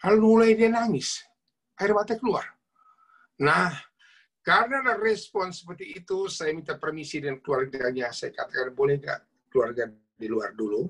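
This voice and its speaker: Male preacher, husky voice, storytelling sermon, talks straight to the congregation. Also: a little high, moderate pace. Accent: Indonesian. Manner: lively storytelling, addresses listeners as "saudara". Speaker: lay preacher.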